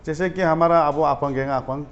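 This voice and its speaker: Male student activist guest from Arunachal Pradesh, slightly high voice, gets animated in his stories, dull lo-fi recording. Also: a little fast, slight background noise. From Arunachal Pradesh, India. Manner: animated, rises sharply when retelling confrontations. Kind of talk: casual interview storytelling.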